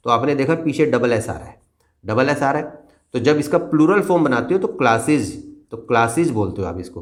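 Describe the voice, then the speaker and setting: A man teaching a basic grammar lesson to children, patient and repetitive, often checking that they have understood. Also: medium pitch.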